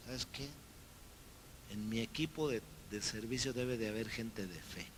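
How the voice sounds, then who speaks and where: A man preaching a sermon as pastor, lively and acting out the people he quotes. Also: lowish voice, unhurried, noisy background.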